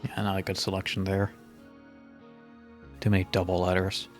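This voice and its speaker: A man's voice: low voice, monotone, moderate pace, soft background music. A man giving casual, wry gameplay commentary as a video game streamer.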